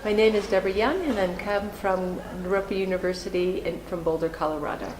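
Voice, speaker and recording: A woman's voice: mid-range voice, brisk, a little mellow, a little hiss or hum. A woman from the United States giving a friendly, conversational short self-introduction. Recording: echoey room.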